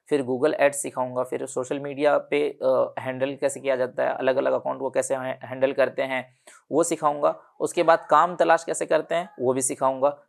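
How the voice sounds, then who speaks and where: A man with a gravelly, creaky voice walks through a casual online lesson. He speaks at an unhurried pace, filling pauses with "uh" and correcting himself as he reads from his notes. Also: mid-range voice. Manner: unhurried, many "uh" fillers and self-corrections while reading from notes. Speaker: online digital marketing instructor. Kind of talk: casual tutorial explanation.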